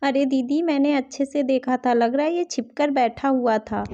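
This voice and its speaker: A woman's voice: sits high, fairly even intonation, moderate pace, dark tone, highs cut off, lightly acted. A woman voicing a worried young mother in a doll story, fretful and pleading. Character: worried young mother searching for her son.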